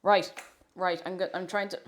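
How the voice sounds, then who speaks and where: A woman's voice: lowish voice, level tone, moderate pace. A woman hosting a casual livestream, chatting playfully with viewers, repeating phrases and slipping into sing-song nonsense syllables. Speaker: live streamer host. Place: kitchen at home.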